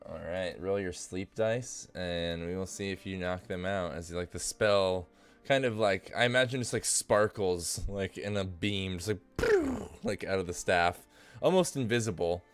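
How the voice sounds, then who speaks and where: A man with a very deep voice narrates as game master of a tabletop role-playing game. He talks loosely and chattily, leaning on "like" as he describes the scene, with faint music in the background. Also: moderate pace, clean tone. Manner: loose and chatty, heavy use of "like".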